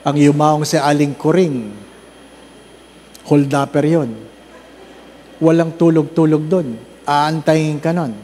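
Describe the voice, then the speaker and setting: A priest preaches to his congregation, mixing slow, emphatic lists with humorous stories and teasing questions to the pews. His voice sits fairly high for a man. The sound carries a long church reverb over a faint hiss. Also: fairly even intonation, warm tone. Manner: humorous storytelling, asks the congregation rhetorical questions; slow emphatic listing of works of mercy. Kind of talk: Advent recollection sermon.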